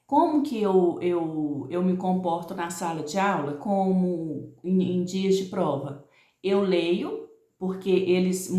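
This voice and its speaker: A middle-aged Brazilian woman, a first-grade teacher, gives a patient, slow recorded message to her young pupils and their parents, and keeps checking in with "tá?". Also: mid-range voice, roomy sound. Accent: Brazilian Portuguese. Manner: patient, explains slowly, ends phrases with "tá?".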